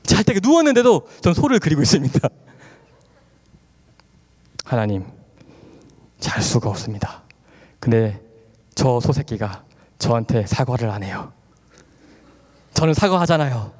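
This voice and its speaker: A man in his thirties giving a testimony sermon at a church camp, telling stories with animated acted-out dialogue and frequent laughter. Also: mid-range voice, measured pace, long pauses. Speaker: guest speaker at a church camp. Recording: long hall reverb.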